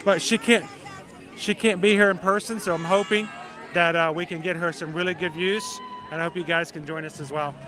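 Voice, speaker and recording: A middle-aged man from South Georgia with a deep Southern accent, chatting casually and folksily as he hosts a livestream. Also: steady tone, fairly quick, crowd noise, noisy background. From South Georgia, United States. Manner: chatty, folksy, greets viewers by name. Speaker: livestream host. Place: outdoors in a busy theme park.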